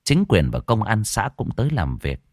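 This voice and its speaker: A man's voice: fairly low pitch, moderate pace, vocal fry, no echo, clean studio sound. A man narrating a horror story as an audiobook reader. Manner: expressive storytelling.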